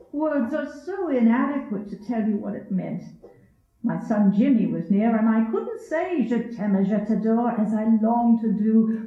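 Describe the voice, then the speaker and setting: A woman's voice: a little high, natural voice. An actress voicing a tender, earnest woman reading her love letters aloud. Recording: tinny, echoey, with faint music.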